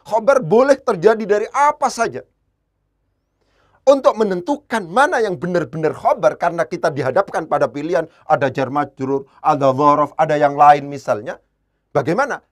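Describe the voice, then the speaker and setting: A man teaching Arabic grammar in a classroom lesson, repeating key phrases and slowing down to spell out Arabic words. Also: sits high.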